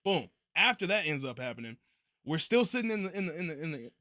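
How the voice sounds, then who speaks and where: A young man spins a story in a loose, laid-back way, cussing freely and leaning on slang. His voice sits a little high and comes across bright and forceful. The sound is close and dry. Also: big pitch swings, quick pace, no room sound. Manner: laid-back, profane slang-heavy delivery. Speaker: streamer telling a story. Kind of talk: casual storytelling.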